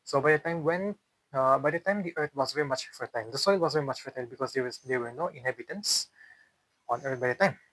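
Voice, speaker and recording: Speaking quickly in a mid-range, fairly bright voice, a Northeast Indian-accented man recounts a folk tale during an interview. His storytelling is unscripted, with frequent repeated and reworded phrases as he explains. There's no echo, but the audio is poor.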